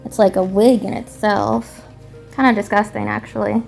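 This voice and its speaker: A woman's voice: mid-range voice, fairly even intonation, moderate pace, vocal fry, darkish tone, soft background music. A woman who is a patient, talking casually to viewers in a personal video diary. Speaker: patient vlogger.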